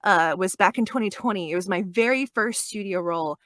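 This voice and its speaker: A young adult woman, a voice actress guest in a casual podcast interview, chatty and quick to laugh, often restarting her sentences. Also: mid-range voice, a bit bright, no echo, studio quality.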